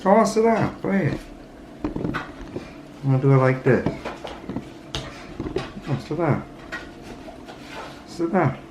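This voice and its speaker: A man's voice: on the high side, takes it slowly, pauses often. A young man chatting casually at home in a vlog, patiently coaxing a little child to sit down and eat. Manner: gently coaxing a toddler, relaxed and patient. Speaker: vlogger and father. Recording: noisy home video.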